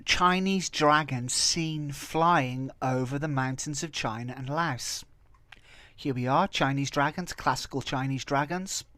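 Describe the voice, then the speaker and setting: A video host from Wales offers rambling, casual commentary on tabloid stories and viral clips without preparation. His mid-range voice has a sharp tone and a slightly slow pace, with no room sound.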